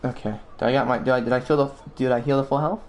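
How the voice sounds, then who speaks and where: A man's voice: mid-range voice, fairly even intonation, rapid-fire, a little hiss or hum. A man playing in a tabletop game, talking casually with blunt answers and stammered restarts. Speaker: player.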